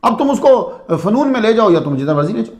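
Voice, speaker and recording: A man's voice: sits high, big pitch swings. A man telling a saint's story as a sermon-style lecture, in a conversational way that asks the listeners questions. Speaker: religious speaker.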